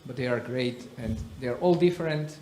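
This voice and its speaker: A man answers on a conference panel, halting and restarting his sentences often. His voice echoes through a roomy hall. A faint background hum can be heard. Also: medium pitch, a little mellow. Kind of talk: panel discussion. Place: conference stage.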